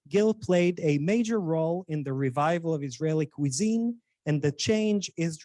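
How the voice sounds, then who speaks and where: A man from Bulgaria, giving a formal introduction of a guest speaker, often pausing with fillers and restarts. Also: on the high side, darkish tone, dry recording. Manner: hesitant, with frequent fillers and restarts.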